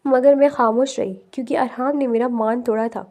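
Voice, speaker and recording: Proud, sharp-tongued heartbroken young woman, read by a woman in a romance audiobook. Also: fairly high pitch, fairly even intonation, close to an everyday voice. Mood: hurt.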